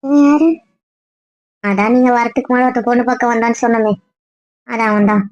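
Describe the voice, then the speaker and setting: A woman's voice: fairly high pitch, brisk, a little mellow, dry recording, dull audio. A woman acting in an amateur web series, chatty and teasing.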